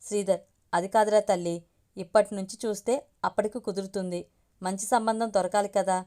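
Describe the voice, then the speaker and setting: A woman voicing a gentle, affectionate middle-aged farmer father in a narrated story. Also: mid-range voice, fairly even intonation, a little fast, natural voice.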